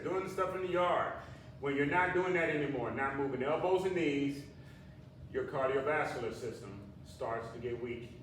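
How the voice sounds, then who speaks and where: A man with a high voice explains exercise to a class in informal, plain-spoken terms, pausing often to check that people follow. He sounds far from the microphone in a very echoey room, with faint noise. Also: fairly bright tone. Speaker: group exercise instructor for seniors. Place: large echoey indoor room at a senior center.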